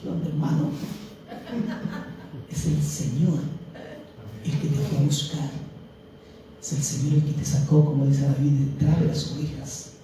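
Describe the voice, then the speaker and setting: A man with a Chilean accent preaching an evangelical sermon, impassioned and swelling to loud cries. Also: on the high side, fairly even intonation, slow, pauses often, very echoey, distant mic, background noise. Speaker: pastor.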